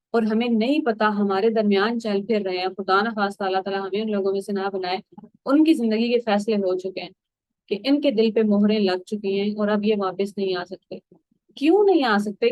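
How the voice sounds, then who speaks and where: A woman's voice: medium pitch, no room sound, rough recording. A woman giving a Quran commentary lesson, explaining earnestly in a conversational way and slipping in English words. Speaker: Quran teacher.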